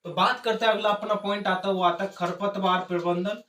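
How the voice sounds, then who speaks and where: A man teaching an agriculture exam class, dictating notes and repeating key terms slowly. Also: high voice, fairly even intonation, fairly bright tone, echoey room, slight background noise.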